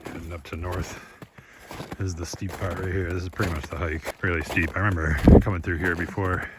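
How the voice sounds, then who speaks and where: A man's voice: low voice, flat delivery, a little fast. A man chatting casually on camera as a hiking vlogger while trudging through snow on a mountain trail. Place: outdoors on a snowy mountain trail. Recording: noisy outdoor hike recording.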